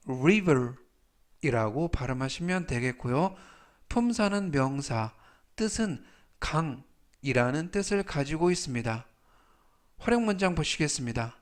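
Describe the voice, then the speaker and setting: A man teaching English vocabulary, repeating each word and explaining its meaning step by step. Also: fairly high pitch. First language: Korean. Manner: spells out pronunciation, repeats each word slowly. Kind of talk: slow explanatory vocabulary lesson.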